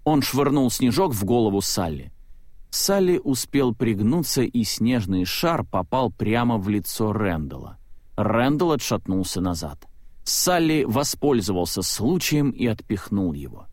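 A man narrating a children's storybook with lively, expressive delivery. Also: lowish voice, unhurried, dry recording, clean studio sound. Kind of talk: storybook reading.

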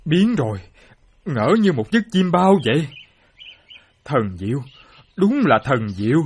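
An actor playing an excitable, boastful former soldier who loves chess, full of exclamations. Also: male voice, medium pitch, a little slow, husky, heavily acted. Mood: earnest. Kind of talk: radio play acting.

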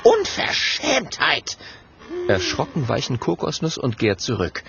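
A man narrating a children's story in an expressive, animated way. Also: medium pitch, a little slow, vocal fry, crowd noise. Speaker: audiobook narrator. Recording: dull audio with faint music.

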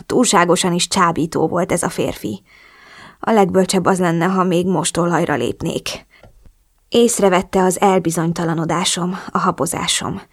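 Woman, audiobook narrator, expressive first-person reading, dry close mic. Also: fairly low pitch, dry recording.

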